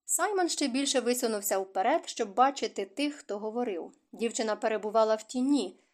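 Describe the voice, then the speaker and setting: A woman reading a romance novel aloud as an audiobook narrator, in expressive storytelling. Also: a little high, brisk.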